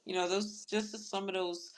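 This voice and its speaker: A woman's voice: medium pitch, level tone, moderate pace, smooth. A woman co-hosting a podcast, chatting casually and trailing off with fillers. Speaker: podcast co-host. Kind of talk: casual chat.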